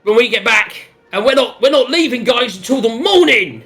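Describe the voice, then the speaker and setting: A man's voice: very high-pitched, lively intonation, moderate pace, pushed and bright, soft background music, voice pushed up, full character voice. A man voicing a disgruntled, stubborn lizardfolk grunt, defiant and indignant, in a tabletop game. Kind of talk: role-play in a tabletop game.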